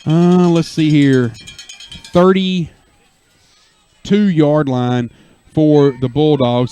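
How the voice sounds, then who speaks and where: A man doing folksy live American football radio play-by-play, with excited, drawn-out touchdown calls. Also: on the high side, clean tone. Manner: folksy exclamations and asides. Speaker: play-by-play sports announcer.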